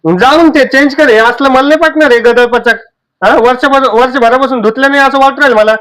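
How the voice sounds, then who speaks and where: Casting: actor for a fussy, wheedling young husband with a very high voice. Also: male voice, brisk, a bit bright. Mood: complaining. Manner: coaxing, wheedling pleas. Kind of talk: amateur drama acting.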